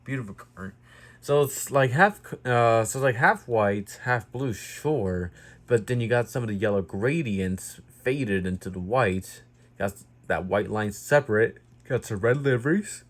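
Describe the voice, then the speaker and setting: A man's voice: mid-range voice, lively intonation, a little slow. A man hosting a casual hobby review video, talking in a rambling way that often gets sidetracked and corrects himself. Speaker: YouTube diecast reviewer.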